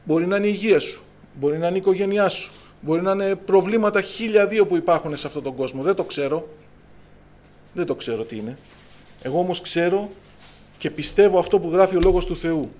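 Fervent high-voiced male preacher. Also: darkish tone. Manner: fervent, preacher's call-and-response, raises voice on scripture. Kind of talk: Pentecostal sermon.

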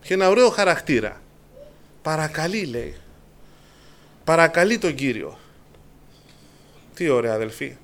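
A man preaching a sermon to his congregation, addressing them as brothers, with rising passion at the high points. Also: big pitch swings, pauses often.

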